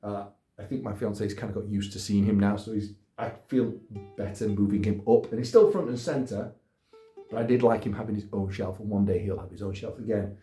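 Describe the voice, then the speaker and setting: A man's voice: fairly low pitch, fairly even intonation, brisk, dark tone, faint music behind. A man hosting a casual gaming video, chatting in a rambling, self-deprecating way. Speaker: gaming YouTuber host. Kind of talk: casual chat. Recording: roomy echo.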